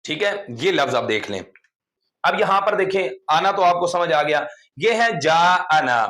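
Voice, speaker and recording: A man's voice: high-pitched, expressive, moderate pace, a bit bright. Patient man teaching Quran reading. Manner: patient, repetitive explaining with frequent "theek hai". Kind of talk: explanatory online lesson.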